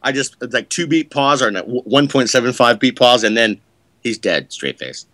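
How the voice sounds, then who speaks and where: A man's voice: medium pitch, fairly even intonation, a little fast, a bit bright. A middle-aged man, a podcast guest, chatting in a rambling, self-mocking, wisecracking way. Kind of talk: joking podcast chat.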